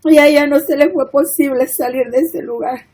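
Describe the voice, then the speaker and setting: High-voiced woman giving a tearful testimony. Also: fairly even intonation, moderate pace, a little mellow, poor audio. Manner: earnest, emotional, tearful at times. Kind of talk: spoken religious testimony.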